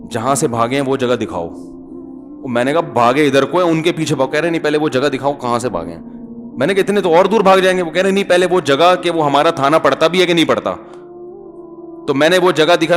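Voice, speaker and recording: An Islamic scholar and preacher with a fairly high voice gives a storytelling religious talk, chatty and humorous, telling funny anecdotes and calling his listeners brother.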